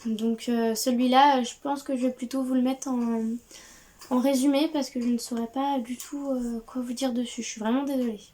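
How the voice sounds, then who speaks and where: Woman, casual book haul chat, slightly high pitch, cheerful, hesitant, lots of fillers. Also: fairly even intonation, moderate pace, warm tone. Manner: hesitant, frequent "euh" fillers and restarts; cheerful, gushing. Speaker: book video host.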